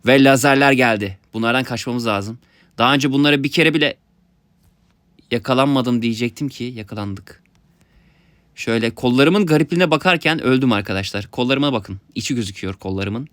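A young man giving excited let's-play commentary, talking to his viewers and yelping at his mishaps. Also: medium pitch, a little fast, no echo. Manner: excitable, yelps and laughs at mishaps, talks to viewers. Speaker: gaming YouTuber.

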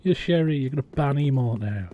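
Mellow-voiced man streaming a game. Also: mid-range voice, lively intonation, brisk, muffled recording, a little hiss or hum. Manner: chatty, muttering to himself while playing. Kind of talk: casual live-stream commentary.

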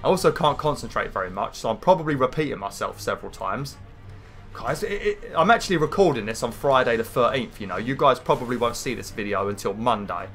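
A British man gives casual gameplay commentary in a nasal voice that sounds like his nose is pinched. His pitch sits at an ordinary middle level, and his talk is informal and rambling. Music plays behind him. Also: lively intonation, a little fast, fairly bright tone. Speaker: gaming video host.

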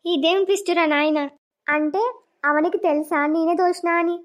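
A woman's voice: very high voice, steady tone, normal speed. Woman voicing a scheming young sister-in-law. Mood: defensive. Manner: muttering to herself, plotting. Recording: dull lo-fi cartoon audio.

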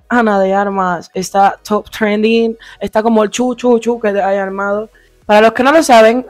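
A young woman from Cuba with a Cuban Spanish accent, slightly hoarse, chatting animatedly through a storytime vlog into a small handheld mic in a small home room. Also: medium pitch, no room sound. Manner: chatty, animated, lots of fillers and asides. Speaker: vlogger. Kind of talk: casual storytime. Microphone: handheld lavalier mic near mouth.

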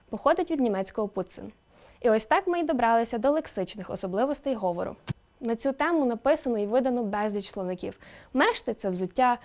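A woman presenter reads a scripted explainer with a slightly raised pitch. She keeps it lively and throws in emphatic rising questions. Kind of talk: scripted educational narration.

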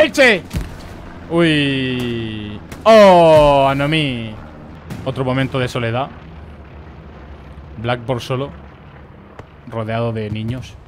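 A young man with a Murcian Spanish accent, giving playful mock-documentary commentary over game footage and jumping into excited yelps. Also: mid-range voice, slight background noise. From Murcia, Spain. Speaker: gaming streamer. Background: faint game gunfire and explosions.

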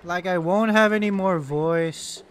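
A man gives casual commentary while playing a horror game, with his voice worn hoarse. He is jumpy and excitable, swearing and laughing nervously. He speaks slowly, with a fairly high pitch. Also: a little hiss or hum. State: voice going hoarse. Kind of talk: casual let's-play commentary.

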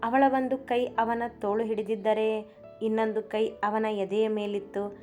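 Woman narrating a story over soft music. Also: a little high, little pitch movement, a little slow.

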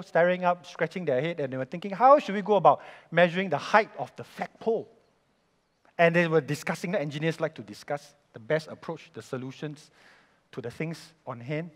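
Singaporean pastor preaching in a reverberant hall. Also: male voice, a little high. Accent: Singaporean English. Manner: storytelling, acts out bosses and workers in quoted voices. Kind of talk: sermon. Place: church hall.

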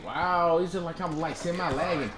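A young man giving excitable, joking commentary on his own gameplay, yelping and shouting at the screen. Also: on the high side, normal speed, heavy background noise. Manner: excitable, yelps and jokes at the screen. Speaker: gaming video creator. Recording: echoey room with loud gunfire.

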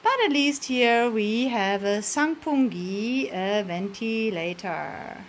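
A woman with a fairly high voice speaks slowly over a faint hiss or hum. She's filming a cheerful, chatty travel vlog around a resort room and its grounds, laughing often as she shows things to the camera in casual narration.

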